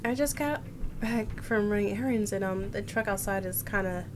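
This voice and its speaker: A woman game streamer reads visual novel text aloud, voicing the narration and character lines expressively. Her medium-pitched voice moves at normal speed over game music and a noisy background.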